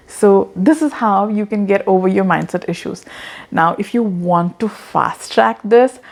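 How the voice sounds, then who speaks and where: An online business coach in her thirties, with a blended Indian and American English accent, offers casual talking-head advice to the camera. Her mid-range voice has a darkish tone, and she is earnest and encouraging, often repeating words.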